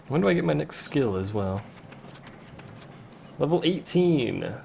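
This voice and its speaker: A young man streams a game he's playing, chatting casually, reading viewers' questions aloud and tossing off wry asides. His voice is a little high and sing-song, unhurried and creaky, with a warm tone and a slight hiss or hum.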